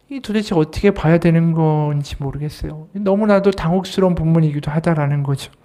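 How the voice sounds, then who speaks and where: High-pitched man preaching a sermon. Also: warm tone. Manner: earnest preaching, voicing quoted scripture and dialogue with emphasis. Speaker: associate pastor.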